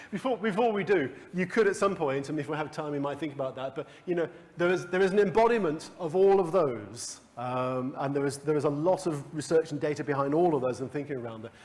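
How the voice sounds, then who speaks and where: A man's voice: fairly high pitch, a little mellow, slight background noise. A man leading a coaching workshop for a live group, talking conversationally with restarts and chuckles. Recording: long hall reverb.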